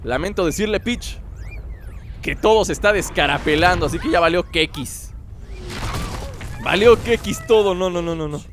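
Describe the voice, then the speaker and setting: A man's voice: high voice, normal speed, long pauses, noisy background. A young man giving playful, mock-dramatic gameplay commentary full of slangy asides. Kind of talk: joking let's-play commentary. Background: game music.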